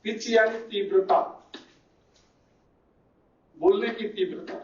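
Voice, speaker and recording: A man lecturing trainee teachers, explaining points and slowly repeating key English phrases. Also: sits high, steady tone, darkish tone. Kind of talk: classroom lecture. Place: classroom. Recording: echoey, distant, dull classroom recording.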